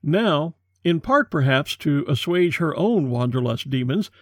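An American man hosting a podcast, reading a measured, scripted introduction. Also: on the high side, expressive, dry recording, clean studio sound. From USA. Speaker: podcast host.

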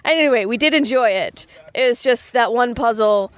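A woman's voice: fairly high pitch, normal speed. A woman co-hosting a travel vlog, chatting playfully with friends in a car. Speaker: vlog co-host. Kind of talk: casual chat.

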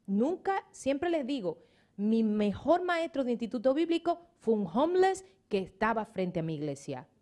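Lively woman pastor preaching. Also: fairly high pitch, moderate pace. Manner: animated storytelling, emphatic, slips into English words. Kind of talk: sermon.

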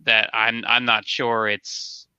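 A man's voice: medium pitch, level tone, slow pace, bright, forceful tone, smooth, no room sound, highs cut off. A man co-hosting an online talk show, chatting casually as a store owner, rambling and repeating his words. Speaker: podcast co-host, toy brick store owner. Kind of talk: casual chat.

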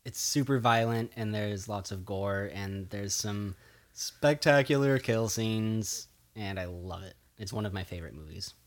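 A man's voice: fairly low pitch, unhurried. A man co-hosting a podcast in casual chat, talking enthusiastically about films. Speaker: podcast co-host.

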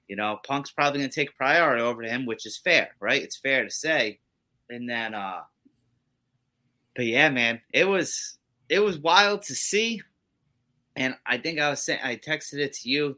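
Man, podcast co-host, animated rambling chat, swings his pitch a lot, bright tone. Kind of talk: casual wrestling podcast chat.

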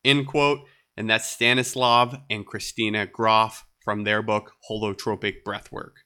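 Man, podcast host, slightly nasal, laid-back and upbeat, clear smooth voice. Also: fairly low pitch, flat delivery, a little slow, bright, forceful tone. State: nasal from a cold. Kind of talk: solo podcast episode.

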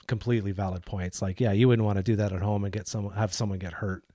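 A man's voice: lowish voice, steady tone, fast talker, warm tone, no echo, studio quality. A man hosting a casual interview, laid-back and slangy, reminiscing and asking questions. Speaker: podcast host.

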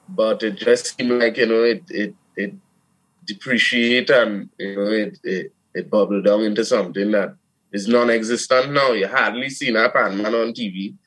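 A Trinidadian steelpan player and producer speaks in a casual interview with a Trinidadian accent and a medium-pitched voice. He's animated, often restarting sentences and dropping "you know." The audio quality is poor.

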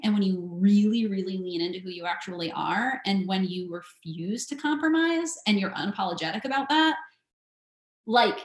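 A woman guest on a podcast talks candidly about running her business, swearing freely and leaning on "like" as she goes. Her voice sits in the middle of the range. The recording carries a noticeable roomy echo. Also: medium pitch. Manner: candid, swears freely, many filler likes. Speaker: guest entrepreneur and coach. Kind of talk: casual podcast conversation.

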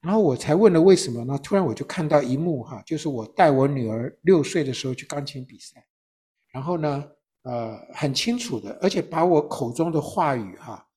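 A man, a pastor, telling a personal testimony in an interview, with a storytelling manner and frequent soft tag particles at the ends of his phrases. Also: a little high, husky.

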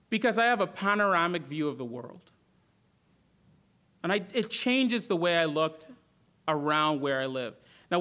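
A man's voice: high voice, pushed and bright. A man from the Bahamas preaching a sermon as pastor, earnest and questioning, often repeating and restarting his words.

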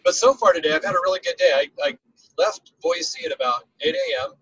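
A man's voice: high-pitched, big pitch swings, brisk, a bit bright, husky. A man in his sixties co-hosting a podcast from inside a car, his voice tinny and boxed-in as if in a tin can, talking in a rambling, hesitant way. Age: 60s. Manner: rambling, hesitant, trailing off mid-thought. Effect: tinny, boxed-in sound as if inside a tin can. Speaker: podcast co-host. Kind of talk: casual chat. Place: inside a rental car on the road. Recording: dull lo-fi remote line from a car.

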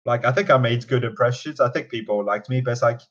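In a casual interview captured with dull lo-fi sound, a young Canadian man in his twenties speaks fast in a medium-pitched, fairly bright voice. His accent blends Canadian and British, and he's hesitant, using lots of fillers.

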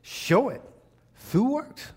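A man's voice: extremely high pitch, expressive, drawn-out words, a little mellow, slightly rough. An American man preaching a sermon conversationally and emphatically, repeating phrases and putting questions to his listeners. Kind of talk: sermon with call and response.

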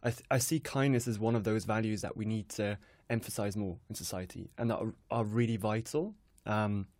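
A man's voice: fairly low pitch, steady tone, brisk, a little mellow, no room sound, studio quality. Modest young man with an English accent. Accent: English, not from a specific place. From Switzerland. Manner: thoughtful, modest, self-deprecating. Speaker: guest, kindness project founder. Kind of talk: conversational interview.

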